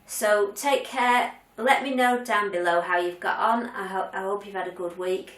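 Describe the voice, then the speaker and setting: A candid, chatty woman in her later years talks to her viewers in a relaxed vlog style, pausing on ums and restarting her sentences. Her voice sits at a middle pitch. It is heard from a little way off the mic in a roomy, echoing space. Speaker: vlogger. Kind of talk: casual chat to camera. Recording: roomy sound, mic at a distance.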